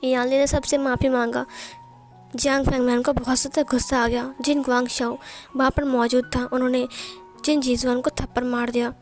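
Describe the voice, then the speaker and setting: A woman's voice: sits high, little pitch movement, fairly quick, faint music behind. A woman narrating a fanfiction story, retelling events and voicing each character's lines in a plain manner. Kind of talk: story reading.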